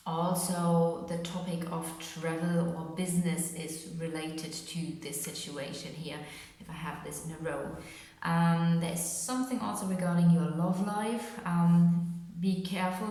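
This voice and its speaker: A woman's voice: lowish voice, mellow. A woman hosting a tarot reading, talking informally and directly to her viewers in a casual, chatty way. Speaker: tarot reader and channel host. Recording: very echoey, reverberant room.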